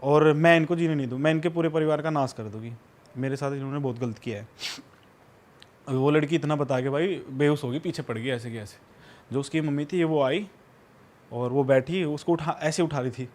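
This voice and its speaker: Male guest, casual rambling storyteller, a bit high-pitched. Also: a little fast, darkish tone. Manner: rambling, conversational, often says "bhai" and "na".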